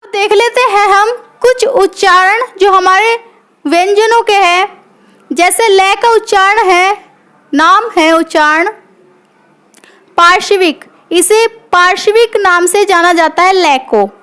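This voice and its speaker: A woman's voice: extremely high pitch, takes it slowly, a bit bright. A woman teaching grammar in a coaching-class lesson, patient and repetitive, often checking in with her students. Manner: patient, repeats points, checks in with "theek hai". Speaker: Hindi teacher.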